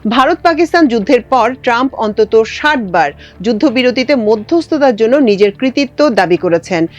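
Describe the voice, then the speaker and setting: A woman presenting international news, reading a script in a measured, formal way. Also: fairly high pitch, animated, muffled recording. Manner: measured formal newsreader delivery.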